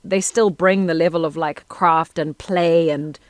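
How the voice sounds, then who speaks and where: A woman co-hosting a podcast, warm and enthusiastic in casual chat. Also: low-pitched, fairly even intonation, measured pace, heavy background noise. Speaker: podcast co-host.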